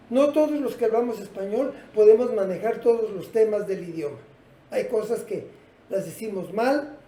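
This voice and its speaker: Mellow-voiced teacher in a roomy space. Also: medium pitch. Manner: patient, asks the class rhetorical questions. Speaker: English teacher. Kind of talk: classroom lesson. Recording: roomy, from a distance.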